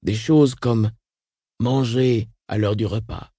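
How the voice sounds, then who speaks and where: In a grim audiobook reading, a man voices a frail, weakened old sister who recounts horrors in a flat, unshaken tone. His mid-range voice is dark, mellow, and husky, and he takes it slowly. The sound is dry and close, with no echo.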